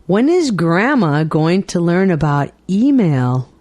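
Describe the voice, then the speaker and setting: A woman reading everyday dialogues aloud for English learners with clear, deliberate enunciation. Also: fairly low pitch, very animated, darkish tone, dry recording, studio quality. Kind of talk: slow scripted dialogue reading.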